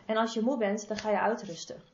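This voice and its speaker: A woman's voice: medium pitch, fairly even intonation, fast. A woman therapist giving casual, informal advice, often repeating her main points and addressing the listener affectionately. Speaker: body-energy therapist. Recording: roomy, slightly dull sound.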